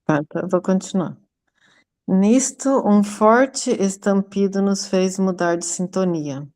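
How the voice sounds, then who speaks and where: A woman reading a spiritual story aloud to a study group, slowly and carefully, with small restarts. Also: medium pitch, a little mellow.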